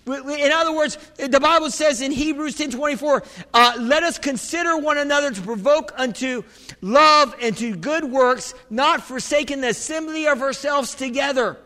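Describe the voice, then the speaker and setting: High-pitched man preaching in a reverberant hall. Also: normal speed, sharp tone. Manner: emphatic exhorting, calls for amens. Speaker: pastor preaching to a congregation. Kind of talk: church sermon.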